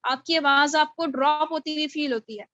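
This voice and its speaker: A woman teaching an online recitation class, slowly drawing out each word and then explaining quickly, heard over a video call. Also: high-pitched, fairly bright tone, no echo, muffled recording.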